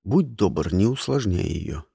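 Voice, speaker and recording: A man playing a cold, measured young doctor. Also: very animated, creaky, dark tone, breathy edge, no room sound, clean studio sound, heavily acted. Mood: clinical. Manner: low, measured, unctuous. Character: cool, cold young male doctor, sardonic professional.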